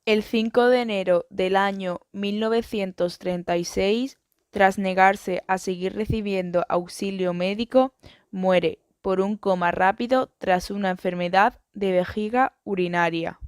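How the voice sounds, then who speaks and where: A woman reading an educational biography and book summaries in a steady, even narration. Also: medium pitch, measured pace, clean tone, dry recording, clean studio sound.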